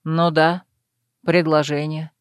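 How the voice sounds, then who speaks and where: A woman reading an audiobook and voicing a confident male werewolf lover, calm and assured. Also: sits low, slow, clear, resonant tone, no room sound, clean studio sound, voice pushed down.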